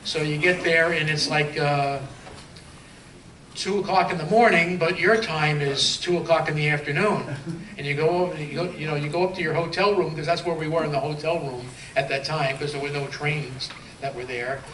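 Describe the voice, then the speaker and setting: A man's voice: a little high, fairly even intonation, normal speed, fairly bright tone. A man telling a circus touring story on a convention panel, chatty and laughing through his punchlines. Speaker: panelist, former circus clown. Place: convention hall. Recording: echoey hall, distant mic, background noise.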